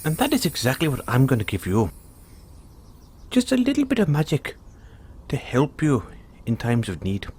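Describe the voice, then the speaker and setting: Here the leprechaun comes through a husky, slightly mellow mid-range male voice whose pitch swoops wildly, at normal speed with long pauses. The roleplay performer murmurs to one listener, folksy, reassuring, cheerful and generous, keeping the character kindly and playful.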